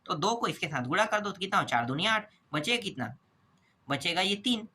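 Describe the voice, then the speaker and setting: A male maths teacher works through exam problems step by step, keeping his tone bright and sharp. He poses quick questions and answers them himself, checking in with a repeated "okay?". The voice is recorded close to the mic. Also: high voice, expressive, husky.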